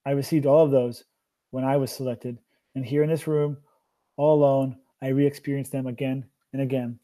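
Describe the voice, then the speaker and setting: A man voicing a tired old man who is a burdened mentor, speaking slowly and earnestly. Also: mid-range voice, level tone, dark tone, close to an everyday voice. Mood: weary.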